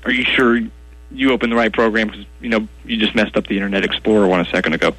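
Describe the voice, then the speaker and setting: A man's voice: lowish voice, fairly even intonation, a bit bright, dry recording, rough recording. A man playing a clueless, defensive tech support guy who sighs and gets baffled by simple questions. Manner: slow, baffled, defensive, sighing. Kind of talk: comedy sketch acting.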